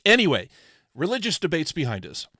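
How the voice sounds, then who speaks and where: A man hosting a casual livestream, teaching software in a rambling, chatty way with lots of fillers. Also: mid-range voice, lively intonation, normal speed, no echo, clean studio sound. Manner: rambling, self-correcting, chatty with frequent fillers. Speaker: livestream host teaching electronics design software.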